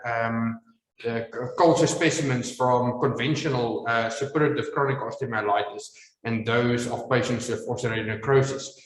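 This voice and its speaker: A man with a broad Afrikaner South African accent delivers an informal medical lecture. He speaks haltingly, circling back over words as he explains. His voice rings in an echoey space with a long reverb tail. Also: medium pitch. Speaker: presenter, maxillofacial team member.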